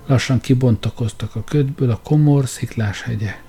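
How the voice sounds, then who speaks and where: A male storyteller reads an audiobook with dramatic delivery. His voice is gravelly with a dark, mellow tone. Faint music runs beneath the reading. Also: mid-range voice. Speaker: narrator.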